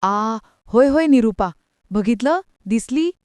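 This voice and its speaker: A woman's voice: fairly high pitch, lively intonation, takes it slowly, darkish tone, clear, resonant tone, dry recording. A woman voicing a flashy, showy middle-aged man who stretches out his greetings.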